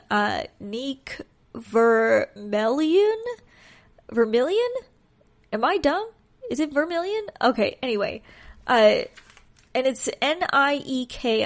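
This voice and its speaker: Higher-pitched woman with a congested, pinched-nose voice. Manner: chatty, joking, self-deprecating. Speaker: podcast host. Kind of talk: casual solo podcast chat.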